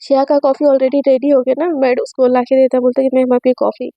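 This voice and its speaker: A woman's voice: sits high, level tone, quick pace, dry recording, muffled recording. A woman narrating a romance story in a chatty, casual way, with many fillers.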